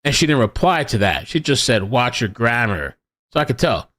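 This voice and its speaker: A young man hosting a casual livestream, mocking commenters in a profane, animated rant. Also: mid-range voice, quick pace. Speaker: livestream host.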